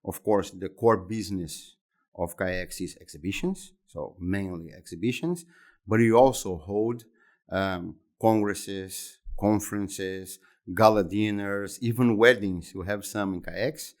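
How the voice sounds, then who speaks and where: The speaker is a man in his fifties who runs an exhibition center and is being interviewed in English, not his native tongue, with a Brazilian Portuguese accent. His halting delivery in a rather low voice is full of repeated words and restarted phrases.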